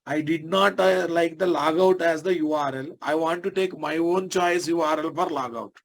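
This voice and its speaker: A man's voice: a little high, steady tone, normal speed, gravelly. A man with a Telugu Indian accent giving an informal live programming lesson, often addressing his listeners directly and asking checking questions. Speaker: programming instructor.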